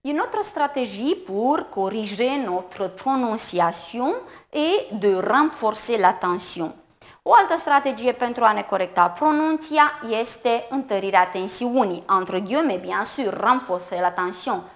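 Slow, careful woman teaching French. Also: a little high, animated. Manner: slow, careful enunciation of syllables and words; repeats each phrase in two languages. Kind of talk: bilingual TV lesson, French with Romanian translation.

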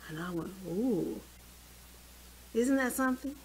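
A sixty-year-old woman with a slightly high voice gives an unhurried health talk in a small church hall, speaking from a podium mic amid slight background noise. Her style is lively and conversational, and she asks the audience questions.

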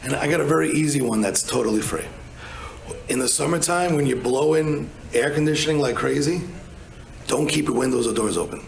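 A man's voice: medium pitch, brisk, vocal fry, reverberant, rough recording. A man, talking bluntly and casually on a conference panel, with many restarts. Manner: blunt, chatty, with many restarts and "you know". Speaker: energy advisor on a conference panel. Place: large hotel conference room.

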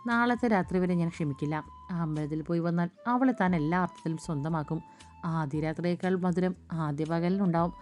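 A teasing young husband who grumbles low and impatiently, as a woman narrator puts him on. The voice dips a little below her usual pitch and sits softly, with faint music beneath. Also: a little fast, lightly acted. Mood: teasing firm.

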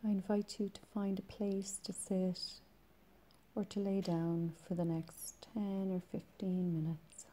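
Very mellow, soft-spoken woman guiding meditation. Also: mid-range voice, flat delivery. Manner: soft, breathy, soothing delivery with long pauses. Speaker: meditation guide. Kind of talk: guided meditation.

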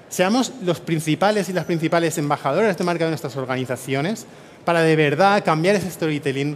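A man with a Spain Spanish accent giving a motivational conference keynote, speaking energetically to a live audience and tagging his phrases with quick "eh?" and "no?". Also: fairly high pitch, in a large hall, slight background noise. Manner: energetic, peppers speech with "¿eh?" and "¿no?" tags; addresses and rallies a live audience. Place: conference stage before an audience.

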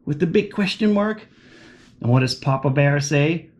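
A man reads a children's book aloud in a fairly high voice at normal speed. He's animated, pausing to ask the young listeners questions as the story goes on.

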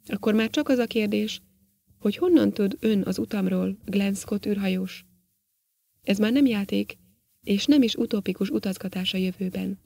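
A woman's voice: medium pitch, vocal fry, darkish tone, no echo. A woman reading an audiobook, voicing a formal older male professor who questions politely but insistently.

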